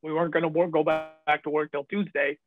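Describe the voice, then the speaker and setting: A man's voice: a little high, little pitch movement, quick pace, soft background music. A man, a podcast guest, telling candid stories from his past in casual talk, laughing often and filling with ums. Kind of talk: casual storytelling. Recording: tinny phone-like line, dry.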